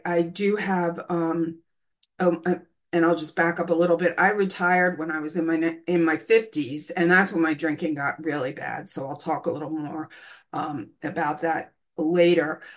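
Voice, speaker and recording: Lady in her 60s telling her recovery story, kinda low voice, lots of ums, honest and halting. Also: steady tone. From United States. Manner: hesitant, many ums, candid. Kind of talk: personal testimony.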